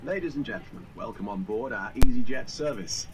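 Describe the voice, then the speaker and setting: A man giving a formal, measured airline cabin announcement over a public-address loudspeaker. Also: mid-range voice, expressive. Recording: distant loudspeaker with loud cabin noise.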